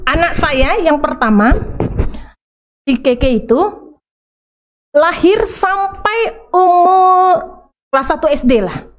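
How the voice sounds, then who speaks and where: A middle-aged woman preaching a sermon in a church, animated and acting out the voices she quotes. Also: high voice, slow pace, long pauses.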